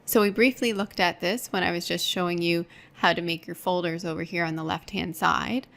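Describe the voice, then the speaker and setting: A woman's voice: lowish voice, steady tone, fairly quick, creaky, a bit bright. A woman teaching an online course, explaining each step patiently while working through a screen-recorded tutorial at her computer.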